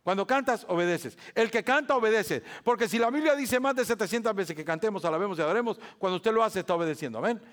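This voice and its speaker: A man preaching in church with a fairly high voice, swinging between low, quiet asides and loud, ringing emphasis. He hammers points with repetition and direct questions to the congregation. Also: quick pace, hardly any pauses. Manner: preaching with rising, shouted emphasis and rhetorical questions; repeats phrases for emphasis. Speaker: pastor. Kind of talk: sermon.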